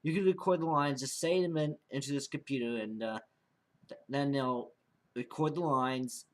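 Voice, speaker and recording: A young man rambles through a casual, unscripted vlog monologue as an amateur podcaster, often repeating and restarting his phrases. His voice sits in the mid range, and he talks at a normal speed.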